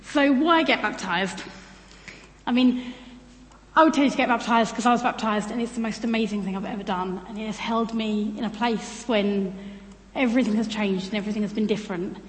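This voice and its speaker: Her voice slightly high and fairly quick, a British woman chats informally about baptism to a congregation, poking fun at herself along the way. The sound carries through a large, echoey church hall with long reverb.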